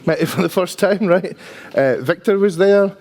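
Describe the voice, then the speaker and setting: Male conference presenter, 50s, strong Dundee accent, slightly high-pitched voice, chatty and self-deprecating. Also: moderate pace, darkish tone. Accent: strong Dundonian Scottish. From Dundee, Scotland. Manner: chatty, self-deprecating, often tags sentences with "right?". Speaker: conference speaker, IT engineer.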